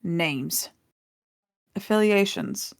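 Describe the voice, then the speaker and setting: A woman game master voicing a cold, formal robotic construct guard in a flat robotic manner. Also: mid-range voice, extremely slow, gravelly, no echo, clean studio sound. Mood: stern. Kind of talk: voicing a figure in a tabletop game.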